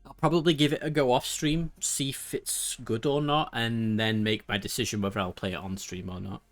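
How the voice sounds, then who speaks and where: A man's voice: medium pitch, fairly even intonation, fairly quick, soft background music. A man chatting casually on a live stream, rambling and laughing often.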